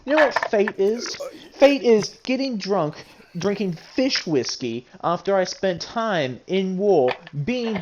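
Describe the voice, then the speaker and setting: A man voicing a drunk, bitter male war veteran who shouts and pleads about his fate, recorded on a dull, slightly noisy mic. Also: mid-range voice.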